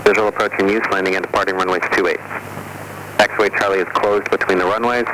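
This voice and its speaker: Deep-voiced man on an airport weather broadcast. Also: fast. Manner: flat, steady readout of weather figures. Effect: recorded airport weather broadcast over the aircraft radio. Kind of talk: automated airport information readout. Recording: noisy radio broadcast heard through the cockpit.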